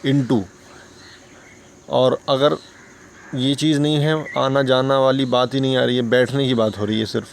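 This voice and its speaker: A man with a gravelly, creaky voice teaches a beginners' lesson at an even, mid pitch. He explains patiently, repeating each point and asking questions he then answers himself. Faint outdoor noise with insects sits under the voice. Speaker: English teacher.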